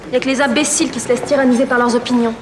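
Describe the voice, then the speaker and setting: Actress playing a disdainful, quick-witted young aristocrat; rapid delivery, slightly high voice. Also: female voice, steady tone, background noise, lightly acted. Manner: haughty, quick-witted, sharp retorts. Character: proud witty young aristocratic woman, disdainful. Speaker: Mathilde, the marquis's daughter. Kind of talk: period film drama.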